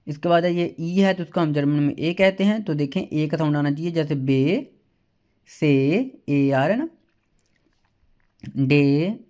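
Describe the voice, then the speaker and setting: A man's voice: a little high, a little mellow, muffled recording. A man teaching a language lesson, patiently sounding out letters and repeating each sound several times. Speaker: German teacher. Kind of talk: slow spoken language lesson.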